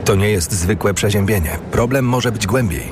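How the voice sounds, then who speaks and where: A man's voice: fairly low pitch, moderate pace, noisy background. A man reading a scripted medicine advert. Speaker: advert voice-over. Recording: music behind.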